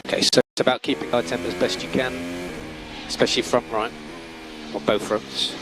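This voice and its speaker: A man's voice: medium pitch, little pitch movement, moderate pace, music in the background. A man working as a race engineer, giving clipped, repeated instructions to a driver over race car radio. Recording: noisy team radio with car sounds.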